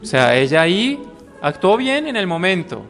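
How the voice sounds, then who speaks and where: A man's voice: sits high, sing-song, normal speed, a bit bright, soft background music. A man, a priest teaching an adult catechism class to a live group in a conversational way. He often checks in with "mm?" and acts out short quoted voices. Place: room with a live audience.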